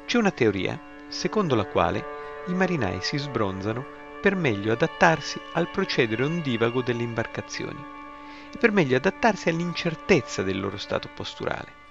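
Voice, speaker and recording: A man narrating a first-person story in a wry, ironic way, with a gravelly voice. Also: medium pitch, very animated, moderate pace. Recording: slightly muffled, music behind.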